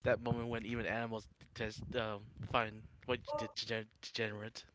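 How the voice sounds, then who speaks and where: A man chatting casually in a halting way, as if thinking aloud. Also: on the low side, completely flat delivery. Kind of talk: casual group chat. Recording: faint noise and clicks.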